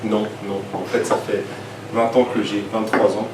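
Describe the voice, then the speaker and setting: A man in his forties from Switzerland doing a lively stand-up comedy set, firing quick asides at the crowd. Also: lowish voice. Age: 40s. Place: comedy club stage. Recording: echoey club room, mic far, noisy.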